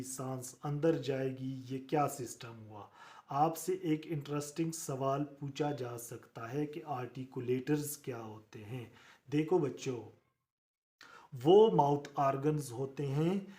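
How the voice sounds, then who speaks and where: Male teacher, slightly high voice, unhurried lecturing style. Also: mellow. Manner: slow, deliberate explaining with repeated examples. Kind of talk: phonetics lecture.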